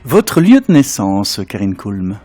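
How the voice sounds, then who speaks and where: Lively male radio host, mellow voice. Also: lowish voice. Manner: hesitant, drawn-out questions, echoes answers. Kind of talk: conversational radio interview.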